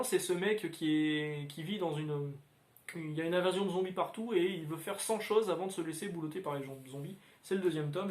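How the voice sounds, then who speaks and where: A man hosting a casual comics chat, rambling and filling pauses with hesitant sounds. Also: fairly high pitch. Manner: rambling, many filler sounds. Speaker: comics video host. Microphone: standalone microphone. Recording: roomy echoey room.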